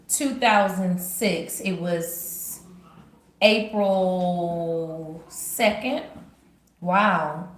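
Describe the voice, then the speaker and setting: A woman from Georgia with a Southern accent, chatting to viewers in a casual devotional vlog. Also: lowish voice. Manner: chatty, talks straight to viewers. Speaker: vlogger. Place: at home. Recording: roomy home recording.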